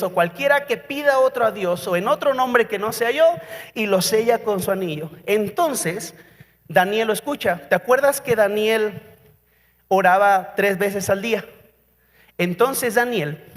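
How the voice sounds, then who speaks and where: A Mexican man preaching a sermon as pastor, telling a story dramatically and putting questions to the congregation. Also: high-pitched. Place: church. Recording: reverberant church hall.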